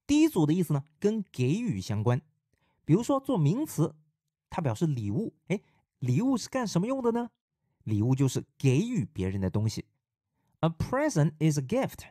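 Chinese guy teaching english words, pitch all over the place, dry close sound. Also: dry recording. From China. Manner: lively, explanatory. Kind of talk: vocabulary lesson.

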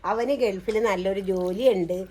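A woman's voice: medium pitch, moderate pace, a little mellow, husky, close to an everyday voice. A woman playing a domineering mother-in-law who nags and scolds in an amateur short film. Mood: boastful. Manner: nagging, scolding with repeated challenges.

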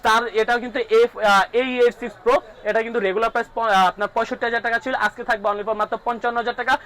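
A man's voice: very high voice, little pitch movement, rapid-fire, a bit bright, low-quality recording. A man with a Bangladeshi Bengali accent works as a drone shop salesman, running through prices in repetitive sales patter and checking in with "all right?". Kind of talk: rapid-fire price rundown.

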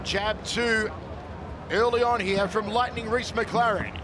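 A man's voice: high voice, steady tone, slow pace, noisy background. A man giving play-by-play MMA commentary in punchy, theatrical phrases. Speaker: fight commentator. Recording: loud crowd and music behind. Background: arena crowd and music.

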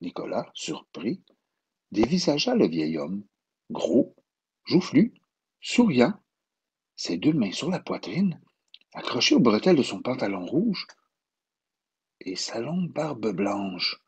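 Expressive man with a Quebec French accent. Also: medium pitch, takes it slowly, long pauses, breathy edge, dull audio. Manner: expressive, gentle storytelling. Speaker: narrator. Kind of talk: storybook narration.

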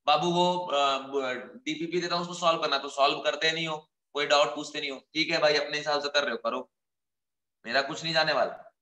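A man teaching chemistry in an online exam-prep lecture, chatty and coaxing, a bit unwell and slower than usual. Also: a little high, fairly even intonation, sharp tone, echoey room, rough recording. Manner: chatty, scolding yet encouraging, addresses students as kids. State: unwell, speaking slower and softer.

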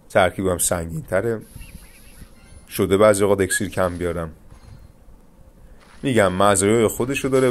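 A young man giving calm, coaching commentary over his own mobile game matches, talking straight to his viewers. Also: on the low side. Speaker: gaming YouTuber. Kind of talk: live gameplay commentary.

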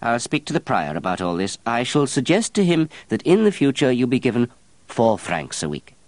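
A man's voice: mid-range voice, very animated, normal speed, darkish tone, no echo, pitched above the performer's own voice, natural voice. A man voicing an easygoing, fussy middle-aged monk who complains in a peevish, rising voice. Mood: fretful. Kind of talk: audiobook character voice.

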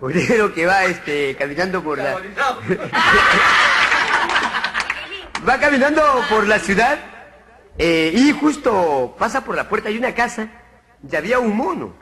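A male comedian with a Peruvian Spanish accent tells jokes with animated, laughing energy. His voice sits high and bright, and it leaps around in pitch. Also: moderate pace, slight background noise. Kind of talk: joke telling.

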